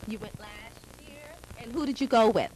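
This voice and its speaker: A woman from New York hosting a children's show, chatting with kids in a lively, encouraging way and laughing often. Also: fairly high pitch, normal speed, a little hiss or hum, low-quality recording. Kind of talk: casual chat with children.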